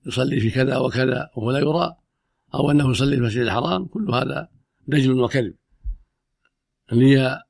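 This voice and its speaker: A male religious scholar gives rulings in formal Arabic with a creaky, gravelly voice. He talks quickly and sternly, repeating himself for emphasis, in a dry recording. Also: mid-range voice, dry recording. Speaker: Islamic scholar answering religious questions.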